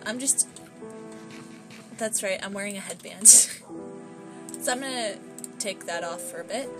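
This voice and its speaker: A woman's voice: mid-range voice, a little slow. A woman giving casual commentary while she plays a game, chatting to her pets in the game. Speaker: gameplay streamer. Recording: music playing behind.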